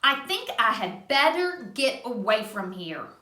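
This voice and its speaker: A woman reading aloud, voicing a fussy, polite gentleman frog from a storybook in a prim, proper manner. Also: on the high side, very animated, unhurried, heavily acted. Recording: echoey room, voice off-mic.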